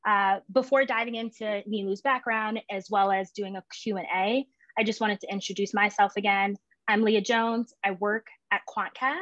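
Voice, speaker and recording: A woman hosting a professional panel chat, polished and reading from prepared notes. Her voice sits at a middle pitch and comes through dull and lo-fi. The sound is close and dry, with no room around it. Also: fairly even intonation, moderate pace, a bit bright, dry recording. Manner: polished, reads prepared introductions with occasional fillers. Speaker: moderator.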